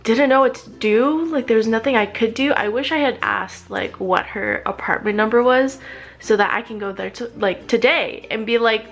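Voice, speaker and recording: A woman's voice: fairly high pitch, normal speed, soft background music. A young woman, a graduate student vlogging, telling a story in an indignant, agitated way, swearing freely with lots of fillers, tired from lost sleep. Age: young adult. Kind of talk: casual storytelling vlog.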